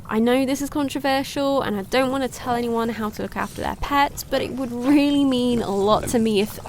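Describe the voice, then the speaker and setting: Woman playing a bubbly girl streaming woodland cams at night, kinda high voice, faint hiss behind. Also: a little fast, close to an everyday voice. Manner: chatty, excitable, gasps at sightings. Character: cheerful young woman streaming woodland wildlife. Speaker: wildlife livestream host. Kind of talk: audio drama, chatty live-stream narration.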